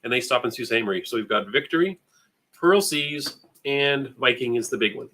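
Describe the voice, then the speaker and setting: A man's voice: mid-range voice, normal speed, sharp tone. A Canadian man co-hosting a live trivia stream, giving chatty, rambling explanations. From Ontario, Canada. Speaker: co-host.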